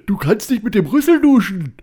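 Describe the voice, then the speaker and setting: A storyteller voicing a big, cheerful male elephant who talks loudly in a children's storybook reading. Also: mid-range voice, sing-song, brisk, breathy edge, voice pushed up. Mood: jolly.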